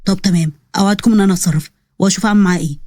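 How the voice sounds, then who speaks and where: A woman's voice: medium pitch, steady tone, very fast, mellow, no echo, pitched below the performer's own voice, lightly acted. A woman voicing a short-tempered young male police officer with an Egyptian accent, who scolds bluntly. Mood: annoyed. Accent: Egyptian Arabic.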